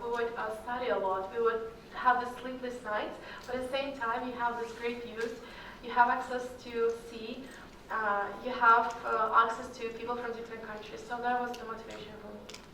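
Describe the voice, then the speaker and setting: A young Kyrgyz alumna, a native Russian speaker, takes student questions in a casual Q&A, with many fillers. Her voice is a little high and a bit bright, level in tone, at a moderate pace. She's recorded from a distance in a large echoey hall, with slight background noise.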